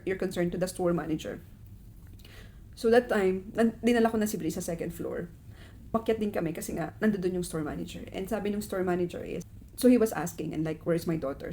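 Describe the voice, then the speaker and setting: A woman in her thirties tells a personal story for her vlog. Her voice is mellow and dark-toned, and she slips between Tagalog and English, lifting her pitch when she quotes herself. A faint hum of room noise sits behind her. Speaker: mother telling a personal story.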